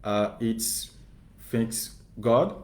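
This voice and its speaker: A young man in his twenties with a Brazilian Portuguese accent, speaking in a fairly low voice. He talks in careful, hesitant English and is polite throughout. His voice carries through an echoing parish room. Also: extremely slow. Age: 20s. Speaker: seminarian guest.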